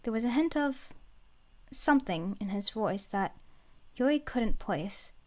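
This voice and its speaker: Higher-voiced woman narrating fiction. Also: animated, unhurried, a little mellow. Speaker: narrator reading fan fiction. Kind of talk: dramatic scripted narration.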